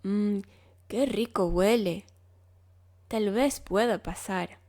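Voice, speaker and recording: A woman voicing a friendly male badger in a children's storybook, speaking cheerfully and slowly. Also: medium pitch, a little mellow, lightly acted.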